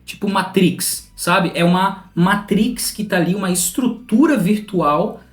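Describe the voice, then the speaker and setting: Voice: mid-range voice, expressive, measured pace. A music teacher with a Brazilian Portuguese accent, methodically explaining music theory straight to the viewer. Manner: patient, methodical, speaks directly to the viewer. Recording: roomy sound with a faint instrumental drone.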